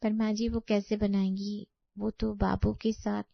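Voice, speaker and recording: A woman voicing a gentle, humble young daughter-in-law who speaks softly in a cartoon. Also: mid-range voice, level tone, measured pace, gravelly, dry recording, highs cut off, voice pushed up. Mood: meek soft. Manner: soft, humble.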